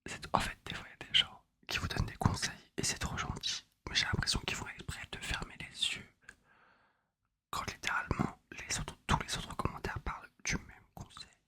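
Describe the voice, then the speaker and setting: A young man whispers a rambling, wry, self-mocking ASMR chat close to a binaural microphone. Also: moderate pace. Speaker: ASMR video host. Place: apartment at night. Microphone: close binaural USB microphone.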